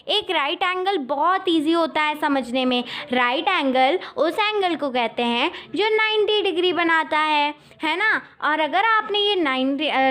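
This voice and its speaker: A young woman explaining maths in a friendly, playful way, reading definitions slowly. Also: high-pitched, bright, forceful tone. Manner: friendly and playful, slow careful English definitions. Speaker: maths teacher. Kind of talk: chatty classroom explanation.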